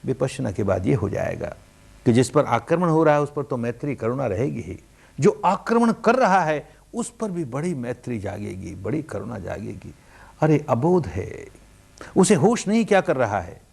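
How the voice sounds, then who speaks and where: A man giving a spoken meditation discourse in an earnest preaching manner, with rhetorical questions and swings between loud emphasis and quiet softness. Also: mid-range voice, very animated, moderate pace, gravelly, slightly rough. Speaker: meditation teacher. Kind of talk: dharma discourse.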